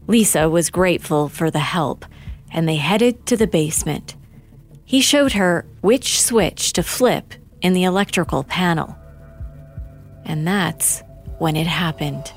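A woman narrating a documentary in a measured, deliberate, scripted way. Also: fairly low pitch.

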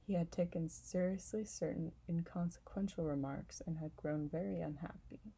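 A woman narrating a classic storybook in a calm, measured reading voice. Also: lowish voice, vocal fry, slightly rough, rough recording. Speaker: audiobook narrator.

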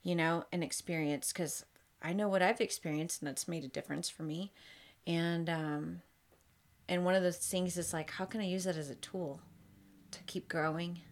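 A woman in her thirties with a slightly low voice, chatting as a podcast guest. She is sarcastic and self-deprecating, and she talks freely about her life. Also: fairly even intonation, normal speed. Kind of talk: casual podcast chat.

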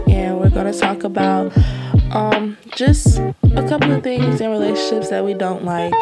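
A woman hosting a casual podcast, opening the show and leading a relaxed group chat. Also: mid-range voice. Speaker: podcast host.

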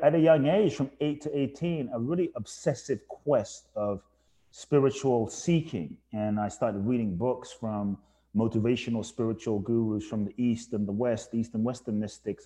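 A man's voice: medium pitch, warm tone. A man from Ghana, a podcast guest, telling his life story earnestly, with some restarts. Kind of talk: casual storytelling interview.

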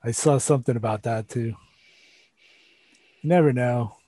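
A relaxed male podcast co-host with a medium-pitched voice, chatting and joking with his partner. The sound is close and dry, with no room around it. He drifts into fan speculation in an easy, unhurried way. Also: no room sound. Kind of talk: casual podcast banter.

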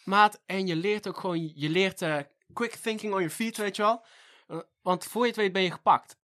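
A man's voice: high voice, moderate pace, a bit bright. A young man telling stories in casual, slangy banter as a co-host. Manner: laid-back storytelling with street slang. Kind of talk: casual chat.

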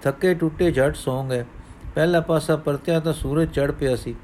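Male storyteller, measured, slightly high voice, devotional reading. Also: steady tone, darkish tone, slight background noise. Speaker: narrator.

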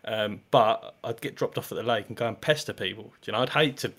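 English host, low-pitched, animated storyteller, casual chat. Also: male voice, quick pace. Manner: animated storyteller, acts out quotes.

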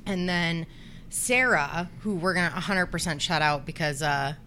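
A woman hosting a podcast in blunt, sweary casual chat, sounding rough and under the weather. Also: on the low side, moderate pace, bright, forceful tone. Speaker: podcast host. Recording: noticeable background noise.

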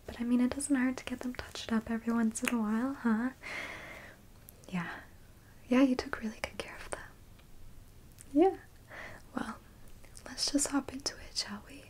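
A woman whispering close to the mic as a beautician, softly repeating words while she works. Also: fairly high pitch, fairly even intonation, normal speed, long pauses. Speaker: beautician in a roleplay. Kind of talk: ASMR roleplay.

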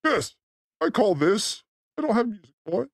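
A man hosting a chaotic comedy stream, joking around in a goofy voice that jumps between pitches. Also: very animated, moderate pace, gravelly, no room sound, clean studio sound. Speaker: host.

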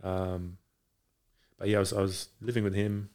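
A man's voice: sits low, little pitch movement, moderate pace, a little mellow, smooth. A man in a casual chat as a guest, talking in a hesitant, rambling way. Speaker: podcast guest, boxing coach. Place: home garage.

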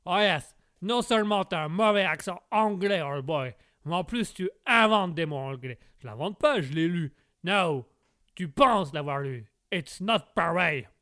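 A man playing a haughty, posh English gentleman, with a put-on mock accent, scolding his co-host as "old boy". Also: a little high, very animated, slow pace, long pauses, breathy edge, heavily acted.

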